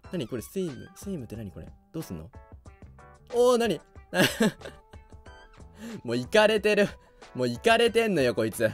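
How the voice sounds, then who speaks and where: Excitable male let's-player, loud reactions, lively higher voice. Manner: excitable, reacts loudly and laughs often. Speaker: gaming YouTuber. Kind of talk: let's play commentary.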